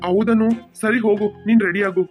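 A woman voicing a gentle, patient father in a cartoon who calms his family. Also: medium pitch, soft background music, close to an everyday voice. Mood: soothing. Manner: soothing, quick talker. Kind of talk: cartoon voice acting.

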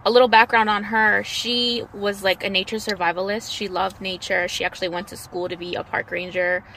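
This car-vlog clip has a twenty-something woman telling a loose, filler-heavy story while riding in a convertible out in the open. Her mid-range voice stays fairly flat in pitch, runs a little fast, and comes across pushed and bright. The recording is rough, with faint car and road noise behind her.

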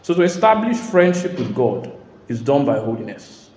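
A male preacher delivering a sermon with insistent emphasis, suddenly rising to shouts before dropping back down. His voice sits at an ordinary pitch and rings through a reverberant hall. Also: very animated, moderate pace. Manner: emphatic, bursts into shouting and laughter. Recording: echoey hall.

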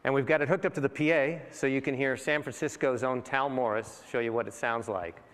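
A man's voice: medium pitch, fairly even intonation, a little fast, a bit bright. Man giving a rehearsed stage demo. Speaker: guest presenter. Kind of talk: scripted product demo. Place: large conference hall stage. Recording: large hall reverb.

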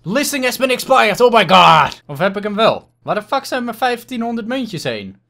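A man with a Dutch accent giving casual gameplay commentary, excitable and swearing a lot, dropping English exclamations into his talk. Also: high voice, moderate pace, creaky. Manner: excitable, frequent swearing and frustrated outbursts. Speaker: gaming YouTuber.

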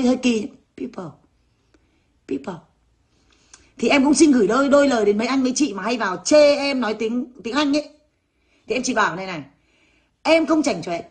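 Woman in her 30s, bit high voice, brash, swears a lot, blunt rant to viewers. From Vietnam. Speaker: vlogger. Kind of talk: ranting monologue to viewers.

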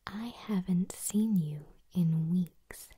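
A young woman gives an ASMR whispered role-play in a soft bedside voice. Her whisper is breathy and dark, unhurried and soothing. She sits very close to the microphone. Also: on the low side, no echo. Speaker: ASMR host leading vocal warm-ups. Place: small room at home, indoors. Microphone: close to the mic, leaning in.

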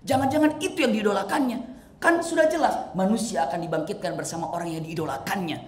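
Brief: male preacher, high voice, storytelling sermon in a roomy echoing hall with faint hiss. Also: fast. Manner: storytelling, swings between soft asides and loud emotional peaks. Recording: echoey hall, faint noise.

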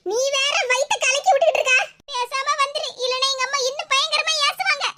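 A nervous cartoon daughter talks in a Kanyakumari Tamil accent. Her voice is very high and bright, and her words come out hushed and worried. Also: fairly even intonation, quick pace. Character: anxious young woman, the daughter Malar.

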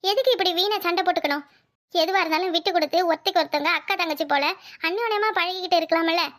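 A woman voicing a calm, wise village woman in a Tamil cartoon, with a southern Tamil accent, lecturing earnestly. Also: extremely high pitch, fast talker. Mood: earnest advice. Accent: southern Tamil Nadu. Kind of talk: cartoon voice acting.

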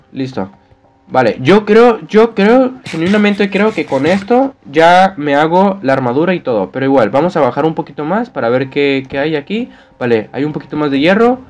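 Jumpy, high-strung man playing a game. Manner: excitable, screams and yelps when scared, chatty with viewers. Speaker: gaming youtuber. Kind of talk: Let's Play commentary.

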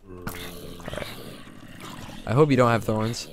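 Slow-talking man playing Minecraft. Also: lowish voice, expressive, a little hiss or hum. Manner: talks to himself and mobs, frequent exclamations. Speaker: gaming YouTuber. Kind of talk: casual Minecraft let's play commentary.

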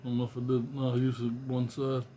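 A middle-aged man, a music collector who vlogs, rambles fast and bluntly through a show-and-tell of his cassette collection, swearing freely in a mellow, monotone, medium-pitched voice. He's filmed on a phone held at arm's length in a small bedroom, and his offhand talk comes with slight background noise.

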